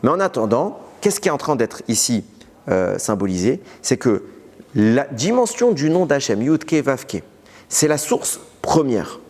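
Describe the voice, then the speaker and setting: A man, a rabbi, giving a recorded Torah lesson. He teaches in a lively way, posing questions and answering them himself. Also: medium pitch, unhurried, long reverb tail.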